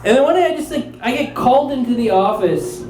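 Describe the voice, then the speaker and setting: A young man doing stand-up storytelling on stage, animated and acting out other people's lines. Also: very high voice, fast talker, over music. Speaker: stand-up comedian. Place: comedy stage before a laughing audience. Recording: roomy live club with crowd laughter.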